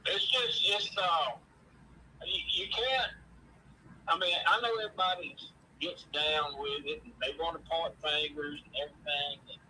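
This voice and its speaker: A man's voice: on the high side, normal speed, pushed and bright, slight background noise, rough recording. A man with a folksy Southern drawl from Mississippi, chatting casually about sports as a show host.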